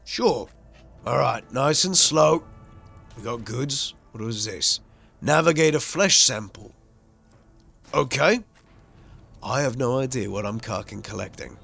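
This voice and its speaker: Brief: gaming host, man, gravelly voice with an animated pitch, excitable commentary, faint game music behind. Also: unhurried, long pauses. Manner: excitable commentary, expressive reading of game text. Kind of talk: game commentary and read-aloud narration.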